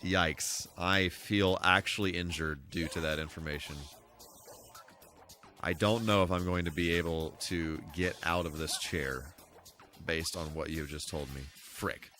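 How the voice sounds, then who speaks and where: A man with a low, steady, pushed and bright voice streams a video game live at a measured pace, music playing behind him. He keeps the chat with viewers casual, tossing in playful exclamations and sing-song asides.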